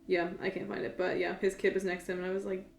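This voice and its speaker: A woman's voice: on the low side, little pitch movement, fast, creaky. A young woman co-hosting a podcast, chatting casually about sports with short, wry reactions. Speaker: podcast co-host. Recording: echoey room with faint noise.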